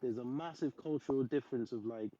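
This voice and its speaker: A man's voice: mid-range voice, warm tone, dry recording. A man patiently explaining his point of view in a casual football debate. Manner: measured, explaining. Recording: muffled online voice chat.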